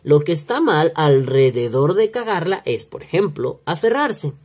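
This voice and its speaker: A husky, darkish voice of fairly high pitch carries this Mexican-accented vaping podcast host through a crude, mocking, profane rant in which he acts out the voices he quotes. He speaks sing-song at a measured pace, using a single home recording setup.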